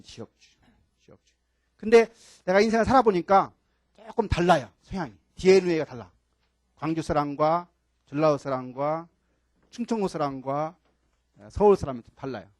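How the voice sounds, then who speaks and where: Older man, professor, classroom lecture, high voice, dry close sound, quizzes the students, repeats key words. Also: no room sound. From Chungcheong, Korea.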